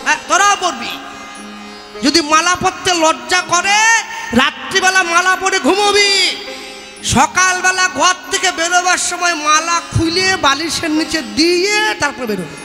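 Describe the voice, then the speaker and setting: A man preaching a devotional sermon, asking rhetorical questions and bursting into shouts. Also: extremely high pitch, measured pace. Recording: long hall reverb with sitar music.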